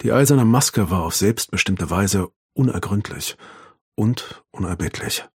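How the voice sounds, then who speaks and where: A man narrating a literary novel in an expressive, measured storytelling manner. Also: on the low side, husky, dry recording, studio quality. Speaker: audiobook narrator.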